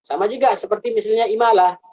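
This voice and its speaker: A man with a slightly higher voice teaches a Quran recitation class over a video call. He explains patiently, repeats his points and poses rhetorical questions that he then answers himself. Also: steady tone, fast talker, a little mellow, breathy edge, dull audio.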